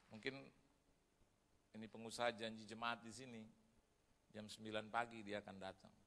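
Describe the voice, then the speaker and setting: A male pastor giving a humorous sermon, telling a story to the congregation and acting out the other people in it. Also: lowish voice. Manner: lively storytelling that acts out other people's voices; humorous and chatty, addressing the congregation as "saudara". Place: church hall. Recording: long reverb of a large hall.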